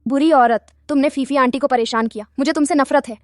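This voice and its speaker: A woman's voice: sits high, brisk, darkish tone, no room sound, studio quality, natural voice. A woman voicing a spoiled young boy in a dubbed drama, whiny and defiant toward his mother. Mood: resentful. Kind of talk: Hindi dub of a drama.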